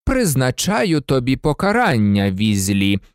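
An audiobook reader voicing a cold, sneering male professor with a slow, silky, menacing delivery. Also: mid-range voice, wildly swooping pitch, darkish tone, dry recording, studio quality, pitched above the performer's own voice. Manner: icy, contemptuous.

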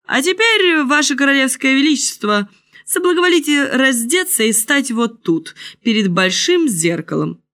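Sly swindler weavers in a fairy tale, flattering and wheedling as they fawn over a king, read out by a woman. The voice sits a little higher and louder than her narration. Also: moderate pace. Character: two sly fawning swindler weavers, men.

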